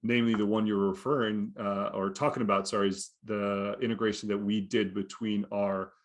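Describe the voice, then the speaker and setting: A man's voice: fairly low pitch, flat delivery, normal speed. A man co-hosting a podcast, chatting casually and explaining things at length, with lots of "you know" and "right?" fillers. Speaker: podcast co-host. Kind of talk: casual conversational podcast chat.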